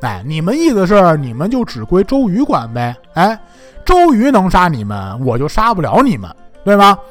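A proud, fierce young noblewoman who lashes out with sharp, imperious scolding, played by a man telling the story. The voice sits high and swoops widely, spoken over faint music. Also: wildly swooping pitch, moderate pace.

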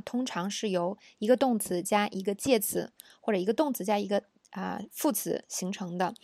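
An English teacher explains shopping phrases in a patient, conversational way, full of fillers and tag questions, adding asides to the learner as she gives examples. Her medium-pitched voice has vocal fry and a slightly mellow quality. The studio recording is clean with no room sound.

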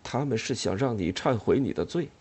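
A man voicing an anxious builder who pleads in a hushed voice in an audiobook. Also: medium pitch, animated, fairly quick, breathy edge. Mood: hushed pleading.

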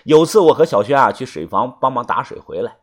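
A man's voice: mid-range voice, expressive, a little fast. A man narrating a first-person story dramatically, stretching filler particles for effect.

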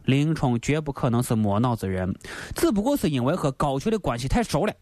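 A woman hosting and narrating a classic tale comically, with animated asides. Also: extremely low pitch, a little fast, dry recording. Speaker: host. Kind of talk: comic storytelling.

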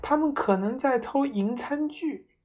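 A shrill panicky mother, as a woman reads her. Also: a little slow, a little mellow. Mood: panicked. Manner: shrill, trembling.

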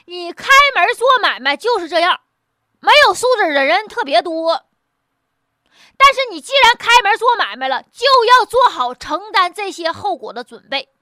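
A woman's voice: very high-pitched, big pitch swings, moderate pace, sharp tone, no echo, clean studio sound. A woman with a Northeastern Chinese accent giving casual, humorous news commentary in a blunt, mocking, colloquial way full of rhetorical questions. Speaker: host.

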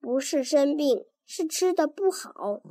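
A woman's voice: high voice, expressive, measured pace, mellow, dry recording, clean studio sound. A woman voicing a blunt, playful young husband in a storybook reading.

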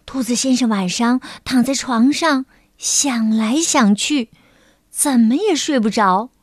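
A woman teacher narrating a children's picture book in a gentle, measured storytelling manner. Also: high voice, dry recording, clean studio sound.

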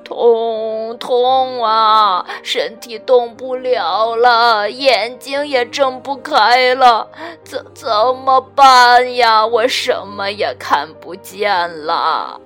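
A woman voicing a big wounded tyrannosaurus in a storybook, talking slowly and haltingly, as if in pain. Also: fairly high pitch, a bit bright, soft background music. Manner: slow, pained, halting.

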